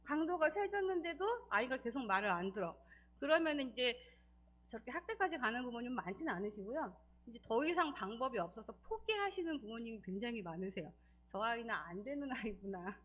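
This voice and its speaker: A woman's voice: a little high, big pitch swings, fast, fairly bright tone. A woman giving a church seminar lecture, explaining step by step, asking the audience questions and acting out parents scolding. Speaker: church lecturer on child abuse.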